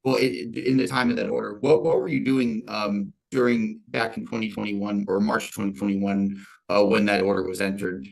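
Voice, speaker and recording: An American man puts formal courtroom questions as a state's attorney. His voice is fairly low and full of vocal fry, though clean in tone. He proceeds haltingly, hesitating and repeating words. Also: little pitch movement, poor audio. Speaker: state's attorney in child support case. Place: court hearing over video call.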